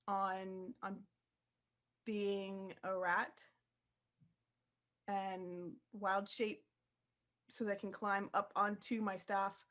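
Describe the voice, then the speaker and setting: A woman's voice: medium pitch, a bit bright. A woman playing a tabletop game with dry, wry humor. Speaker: player.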